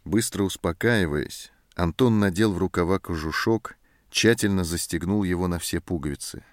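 A man reading a story aloud in calm, measured scripted narration. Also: low voice, no echo, clean studio sound. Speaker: audiobook narrator. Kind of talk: scripted narration of a war novel.

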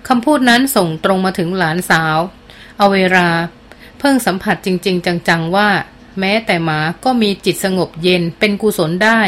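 A woman's voice: mid-range voice, normal speed, a bit bright. Woman reading a novel aloud. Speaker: audiobook narrator.

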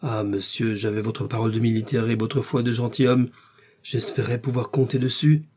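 A man's voice: medium pitch, flat delivery, normal speed, a little mellow, close to an everyday voice. A man reading the part of an anxious young woman in an audiobook of a classic novel, speaking with reproach and urgency. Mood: reproachful.

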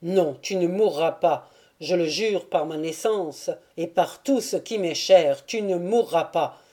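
Woman reading young cossack knight, defiant, low mellow voice gets loud and vehement, audiobook. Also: measured pace. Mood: passionate. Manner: vehement, rising to loud declarations.

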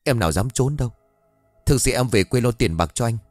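A man's voice: mid-range voice, expressive, fairly quick, a little mellow, no echo, soft background music, lightly acted. A man doing a terrified pleading debtor. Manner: fearful, begging. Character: frightened young man in debt, pleading.

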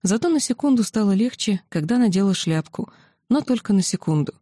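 A woman narrating a fantasy novel in the first person, with a steady, expressive reading. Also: medium pitch, fairly quick, slightly rough, dry recording, clean studio sound. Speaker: audiobook narrator.

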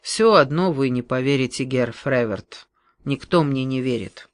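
A reader voicing a naive, awkward young man who tells his story haltingly, in an audiobook. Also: mid-range voice, no echo, lightly acted. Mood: hesitant. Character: naive awkward young male forester's son.

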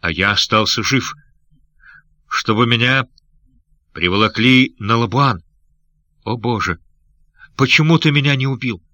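A man's voice: mid-range voice, measured pace, long pauses, pushed and bright, dry recording, studio quality. A man reading an audiobook, voicing a fierce grown pirate captain who exclaims in anguish. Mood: despairing.

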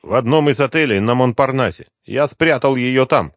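A man's voice: medium pitch, normal speed, no room sound, studio quality, voice pushed up, close to an everyday voice. A male audiobook reader voicing a dying, desperate middle-aged former KGB officer who pleads in a strained voice and breaks into coughs. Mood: weary.

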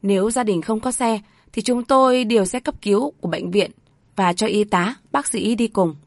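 A woman reading aloud voices a hospital doctor who speaks briskly and gravely. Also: medium pitch, no echo, lightly acted. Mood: grave matter-of-fact.

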